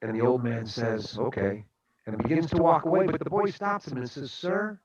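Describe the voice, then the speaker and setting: A man's voice: mid-range voice, animated, a little fast, a little mellow, highs cut off. A man who is a guest speaker on a radio talk show, telling a story and giving a motivational talk in an earnest way.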